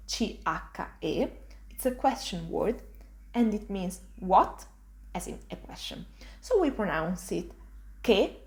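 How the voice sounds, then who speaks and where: Italian-accented woman teacher, mid-pitched, unhurried, repeats every sound with care. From Italy. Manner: repeats each sound slowly and clearly. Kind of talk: slow, careful pronunciation lesson.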